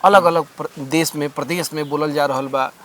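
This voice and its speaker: A man's voice: fairly high pitch, fairly even intonation, normal speed, fairly bright tone. A man with a Bhojpuri accent hosting a podcast, asking long conversational questions. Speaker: podcast host. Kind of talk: interview questions.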